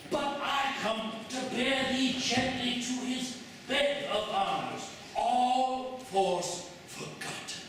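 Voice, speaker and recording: A man's voice: very high-pitched, sharp tone, exaggerated voice. An actor playing a pompous, scheming courtier father in classical verse drama, with a theatrical, declamatory delivery. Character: pompous scheming father, a fawning courtier pressing his daughter. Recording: echoey hall, distant mic, faint noise.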